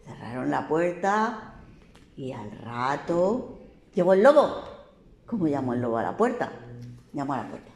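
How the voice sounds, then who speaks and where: Brief: animated woman storyteller for a child, asks questions along the way, echoey room. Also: sits low, unhurried, long pauses. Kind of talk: telling a fairy tale to a child.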